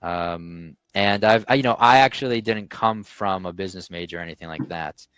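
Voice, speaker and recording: Here the podcast guest is a young Canadian man who founded a restaurant tech company, chatting casually about his life and business. He's talkative and keeps restarting and using fillers. His low voice is clear, resonant, and a bit bright, a little fast, with no echo.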